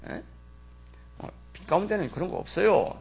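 A male pastor delivering a sermon in church, telling stories with lively swings between low muttering and loud scolding. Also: fairly quick, gravelly, husky.

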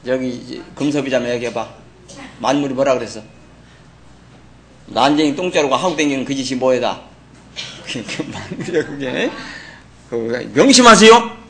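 A man's voice: medium pitch, expressive, moderate pace, creaky, pauses often, fairly bright tone, slight background noise. A middle-aged man preaching a sermon as pastor, blunt and colloquial, teasing and scolding his congregation.

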